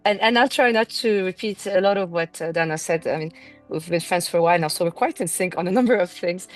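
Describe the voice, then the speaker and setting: A woman in her thirties from Lebanon, talking in a measured way as an interview guest, with frequent fillers. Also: on the low side, faint music behind. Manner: warm, measured, with many fillers. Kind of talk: casual interview chat.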